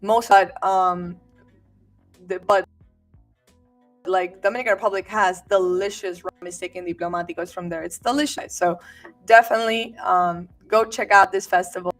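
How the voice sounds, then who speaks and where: A woman's voice: on the low side, fairly even intonation, normal speed. Upbeat woman from venezuela chatting casually, sounds a bit far off the mic, faint music underneath. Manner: chatty, upbeat, frequent fillers and restarts. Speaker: host. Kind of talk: casual informational talk.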